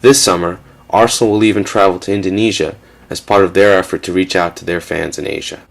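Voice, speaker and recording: A man giving a measured, factual scripted narration for a documentary. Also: deep voice, fairly even intonation, vocal fry.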